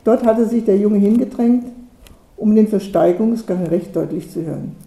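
A woman reading a children's story aloud in a lively storytelling manner, recorded in an echoey room. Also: medium pitch, normal speed.

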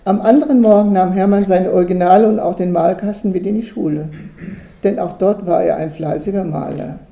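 Storybook narrator, dark and mellow tone, roomy echo; reads aloud and voices the characters. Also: medium pitch, a little fast, creaky, highs cut off. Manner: lively voicing of characters.

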